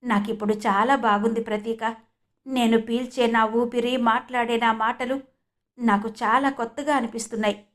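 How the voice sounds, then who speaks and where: Woman playing eager young woman, new professor, lively, slightly high voice, audiobook. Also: normal speed, close to an everyday voice. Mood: elated.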